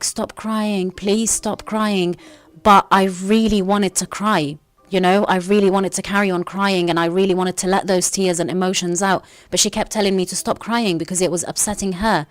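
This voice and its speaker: A woman's voice: lowish voice, no echo. A young woman, a parent, talking earnestly and passionately in a candid vlog, swearing now and then. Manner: earnest, impassioned, swears casually. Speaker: parent vlogger.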